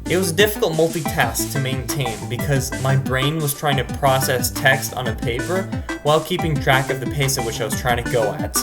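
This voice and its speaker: A native English-speaking man narrates his vlog in scripted voice-over, wry and self-deprecating, at a medium pitch and a little fast. Background music plays underneath.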